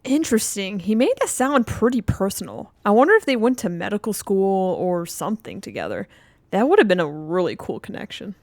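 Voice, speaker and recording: Woman doing casual excited game reaction commentary, normal pitch, no room echo. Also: fairly quick. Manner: enthusiastic fan, exclaiming. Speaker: video host.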